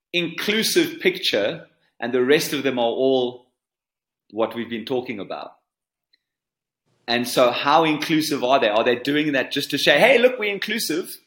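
A man with a South African accent, a surf coach being interviewed, talking in an animated, emphatic way and repeating phrases for effect. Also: medium pitch, unhurried, roomy sound. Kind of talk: podcast interview.

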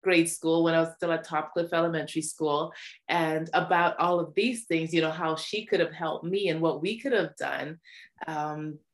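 A woman hosts an interview, thanking her guest in a halting, filler-heavy way. Her voice sits a little low. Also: fairly even intonation. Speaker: host. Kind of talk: casual interview.

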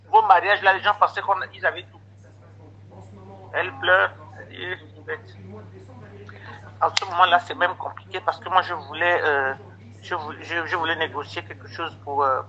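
A man with a high voice casually tells a long story at normal speed, animatedly reliving conversations and quoting many of the exchanges people had with him. The recording sounds dull and lo-fi.

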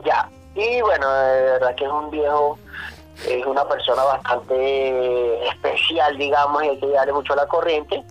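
A man telling a work story as a guest on a casual podcast, animated, swearing, often saying "brother". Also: mid-range voice, unhurried, lo-fi sound, faint music behind.

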